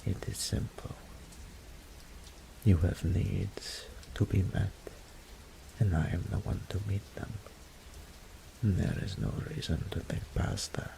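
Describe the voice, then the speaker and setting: Here a male voice actor voices a smug, seductive greater incubus for an audio roleplay drama, heavily acted in breathy whispers and a slow, condescending purr. The deep, mellow voice comes through poor audio with slight background noise.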